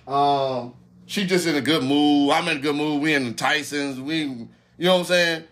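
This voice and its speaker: Slangy, cursing man, fairly high voice. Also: normal speed, a bit bright. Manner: profane, loose slang, repeats "you know what I'm saying". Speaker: podcast host. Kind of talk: casual storytelling monologue.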